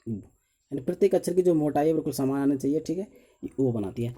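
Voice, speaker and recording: Slightly high and mellow, this man's voice moves fairly quickly through a step-by-step engineering drawing tutorial. As he draws, he counts lines out loud, tacks "okay" onto nearly each step, and answers questions he has just asked himself.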